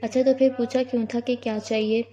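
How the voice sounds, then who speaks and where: Pampered schoolgirl figure, read by a woman, pouting, coaxing, steady tone, dull lo-fi sound. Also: a little high, lightly acted. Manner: pouty, coaxing. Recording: dull lo-fi recording.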